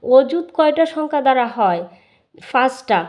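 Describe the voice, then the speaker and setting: A woman's voice: high-pitched, expressive, moderate pace, a little mellow. A woman with a Bangladeshi Bengali accent teaching a primary school math lesson, explaining step by step and answering her own questions.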